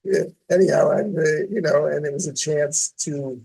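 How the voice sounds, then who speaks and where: Gravelly older man, reflective interview guest. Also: fairly high pitch, moderate pace, warm tone, low-quality recording. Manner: reflective, with many restarts and fillers. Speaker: guest columnist. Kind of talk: casual interview talk.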